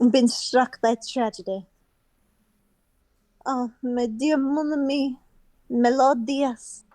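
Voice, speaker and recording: A woman's voice: fairly high pitch, mellow, dry recording, low-quality recording. A woman voicing an elegant, poised woman who runs an opera house, in a courtly, formal manner with a put-on French accent. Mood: grave.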